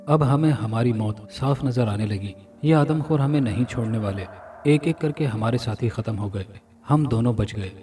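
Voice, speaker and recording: A man reading a scripted horror story dramatically, sounding a little far from the mic over loud music. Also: medium pitch. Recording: narration from a distance with loud music.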